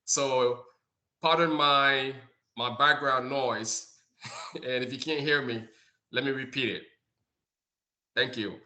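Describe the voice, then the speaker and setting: A man's voice: mid-range voice, steady tone, slow, long pauses, bright, forceful tone. A man from Liberia, a nonprofit co-founder and director, speaking on an online community call, often repeating words as he searches for them. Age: adult. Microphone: video call.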